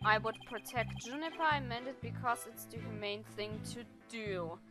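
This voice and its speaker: A woman voicing a pompous, stern older male law professor who lectures in a haughty, drawn-out way. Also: on the high side, over music, lightly acted.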